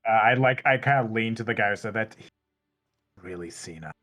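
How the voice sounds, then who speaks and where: Playful low-voiced young man. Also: steady tone, fairly bright tone, faint music behind. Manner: playful, joking, quick laughs. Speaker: player. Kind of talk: casual chat.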